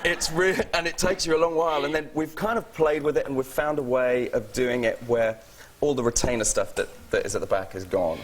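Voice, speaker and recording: Chatty British actor guest, laughs a lot, talks in stops and starts, talk-show interview. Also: male voice, mid-range voice, fairly quick, few pauses, a little hiss or hum. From England.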